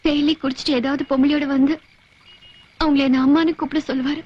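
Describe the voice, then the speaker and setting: A woman's voice: high voice, flat delivery, fast talker, dull audio, over music, natural voice. A young actress playing a rich man's daughter, speaking in an earnest, pleading way in a film scene. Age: young adult.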